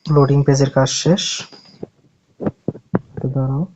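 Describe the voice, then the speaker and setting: A man's voice: mid-range voice, flat delivery, unhurried, muffled recording, background noise. A man from Bangladesh talking through an app-building tutorial step by step in a casual way, often correcting himself as he goes. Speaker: tutorial host.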